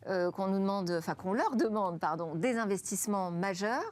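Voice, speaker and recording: A woman hosting a TV tech interview in a studio, speaking lively with frequent hesitations. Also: medium pitch, moderate pace. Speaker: tech show host.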